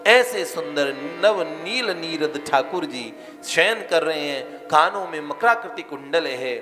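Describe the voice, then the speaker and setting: A man telling a devotional story as a sermon, animated and acting out voices. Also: on the high side. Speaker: spiritual storyteller. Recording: reverberant hall, faint music behind.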